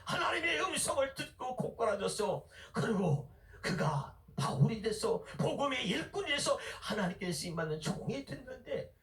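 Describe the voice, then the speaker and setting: A male pastor preaches at an outdoor rally, his voice high and bright as he shouts his message. The sound carries with a roomy echo, picked up from well away from the mic. He keeps pushing his voice harder and harder. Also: sing-song, moderate pace. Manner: shouting, preaching with rising intensity. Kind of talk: fiery political rally sermon. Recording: echoey loudspeaker sound from far off.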